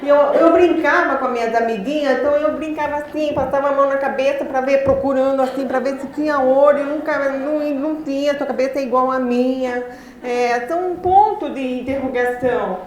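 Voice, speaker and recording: A high-pitched Brazilian woman lecturing, her speech deliberate and carefully shaped, as if each sound took effort to learn. She tells her story with lively energy. Her voice rings through a very echoey hall with a faint hum of noise underneath. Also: muffled recording. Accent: Brazilian Portuguese. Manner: deliberate, effortful articulation of a speaker who learned speech late. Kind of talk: personal storytelling talk.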